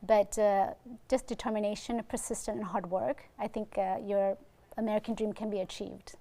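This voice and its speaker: A woman's voice: mid-range voice, fairly even intonation, normal speed, mellow. A woman in her forties, from Vietnam, answering as an ophthalmologist guest on a TV interview, earnest and determined with some fillers. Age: 40s.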